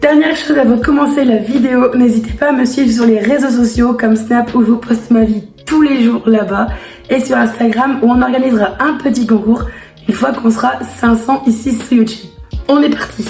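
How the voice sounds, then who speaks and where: Hoarse, raspy woman vlogger, fairly high-pitched. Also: steady tone, fairly quick, a little mellow. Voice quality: raspy, strained from laryngitis. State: hoarse, voice nearly lost. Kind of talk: casual chat to viewers. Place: echoey room indoors. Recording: echoey room with background music. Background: music.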